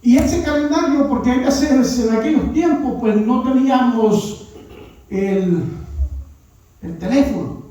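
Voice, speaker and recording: Male pastor giving a chatty sermon, keeps checking in with his crowd, mellow voice, heard from far off in a big echoey church. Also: very high voice, a little slow. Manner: peppers talk with tag questions, sometimes raises voice. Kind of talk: conversational sermon. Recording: very echoey church hall, distant mic.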